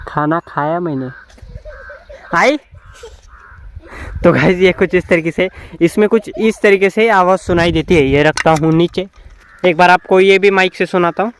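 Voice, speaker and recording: A man's voice: high voice, moderate pace. A man running a casual outdoor vlog, testing a homemade cup phone and calling out instructions to a helper far away. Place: outdoors in a rural open field. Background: faint background noise.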